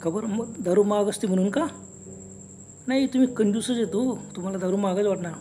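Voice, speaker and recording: A man's voice: sits high, a little fast, mellow, lightly acted. A man voicing teasing tipsy in-laws. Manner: teasing, goading. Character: two tipsy teasing brothers-in-law, adult men.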